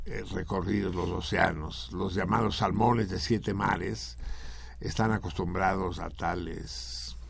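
A man's voice: low-pitched, steady tone, unhurried, gravelly, husky. A man with a Mexican accent hosting a radio talk show, rambling in an ironic, theatrical, joking way. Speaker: radio host. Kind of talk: joking comedic radio banter.

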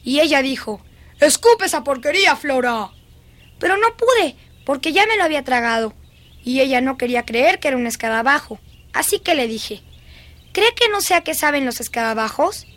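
A woman's voice: sits high, animated, moderate pace, fairly bright tone. A woman dubbing a dreamy, eerie little girl who is fascinated by dead beetles, in a lingering, singsong, childlike way. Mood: chatty. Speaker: dubbing actress. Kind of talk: film dubbing.

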